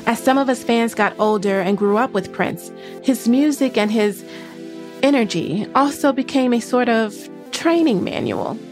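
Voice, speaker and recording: A woman's voice: a little high, moderate pace, faint music behind. A woman hosting a podcast, narrating and conversing on a close studio microphone. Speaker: podcast host. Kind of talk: scripted podcast narration, some conversational interview.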